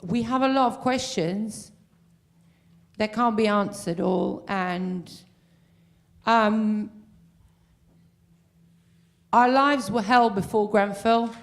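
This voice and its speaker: A woman in the audience asking a long earnest question at a public meeting, pausing with fillers. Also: mid-range voice. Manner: earnest, pauses with um. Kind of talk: question from the floor.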